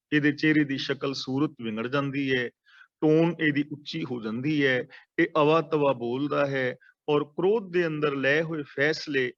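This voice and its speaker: A man's voice: a little high, lo-fi sound. A Sikh preacher giving an earnest Gurbani discourse, stressing and repeating his points.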